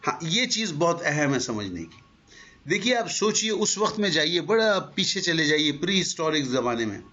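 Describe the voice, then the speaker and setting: Male teacher, lecturing, slightly high voice, muffled lo-fi sound, rhetorical questions. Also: big pitch swings, sharp tone. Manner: explanatory, asks rhetorical questions. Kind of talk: lecture to a class. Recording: dull lo-fi recording.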